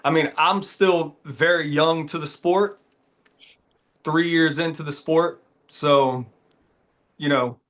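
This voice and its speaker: A man hosting a casual conversation, relaxed and laid-back, often saying "man" and "dude". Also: fairly high pitch, slow, pauses often. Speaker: podcast host.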